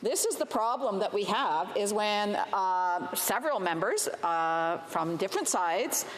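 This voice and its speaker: A woman presides over a heated parliamentary debate, giving rulings in an official, admonishing manner. She speaks haltingly at a medium pitch, her voice echoing in a large reverberant chamber. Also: animated, slight background noise.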